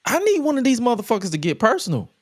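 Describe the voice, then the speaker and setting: A man's voice: very high voice, huge pitch swings, rapid-fire. A man co-hosting a casual wrestling talk, blunt, emphatic and given to swearing. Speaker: wrestling podcast co-host. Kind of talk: casual chat, opinionated commentary.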